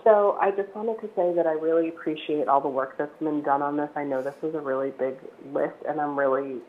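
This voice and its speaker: Female board member, croaky voice, appreciative and halting, dialing into a meeting over a tinny phone-like connection. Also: deep voice, fairly even intonation. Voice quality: croaky, odd-sounding voice. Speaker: board member joining remotely. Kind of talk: public meeting comment. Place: at home, on a remote call. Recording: tinny remote call, noisy.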